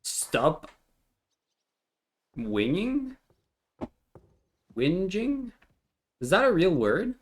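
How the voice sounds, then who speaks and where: A French-speaking streamer chats casually and laughs easily while playing a game. His high voice swings hugely in pitch, and he talks very slowly with long pauses.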